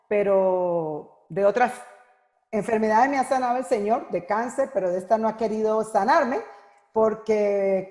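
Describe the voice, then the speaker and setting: A middle-aged woman giving an earnest, heartfelt personal testimony at an online women's conference, pausing often as she speaks. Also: medium pitch, a little mellow, reverberant, big-room sound. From Colombia. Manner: earnest, heartfelt, halting with frequent pauses. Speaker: women's Bible teacher and speaker.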